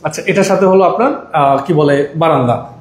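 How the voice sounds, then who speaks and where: A Bangladeshi man touring a flat as host, heard with the heavy echo of a bare room, speaking in a salesy way. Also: fairly high pitch, fairly quick. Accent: Bangladeshi Bengali. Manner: salesy, pointing things out. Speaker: property tour host. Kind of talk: live walkthrough commentary. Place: empty apartment indoors. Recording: echoey empty flat.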